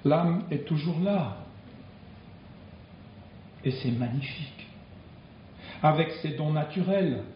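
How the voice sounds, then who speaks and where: Slow, deliberate preacher man. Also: fairly high pitch, animated, roomy sound, muffled recording, a little hiss or hum. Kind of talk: sermon.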